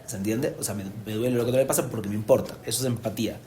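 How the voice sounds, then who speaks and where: Un hombre con acento que da una clase en vivo a padres como rabino, explicando con ánimo y preguntando a menudo si se entiende. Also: male voice, on the low side, rapid-fire. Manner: animated, explanatory, asks "¿se entiende?" often. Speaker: rabbi teaching parents. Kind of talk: live lecture to an audience. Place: community hall with an audience.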